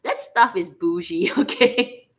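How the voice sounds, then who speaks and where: This woman speaks slowly, her voice on the low side, with a Singaporean accent as she hosts a relaxed livestream in her living room. She's animated and playful, rambling in chit-chat and reacting aloud to viewers' comments.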